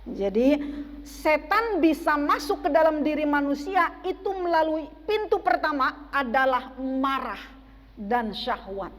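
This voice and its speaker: A woman's voice: sits high, animated, measured pace, in a large hall. A woman preaching a sermon to a women's study group, often asking the audience questions. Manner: asks the audience questions and waits for replies. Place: mosque.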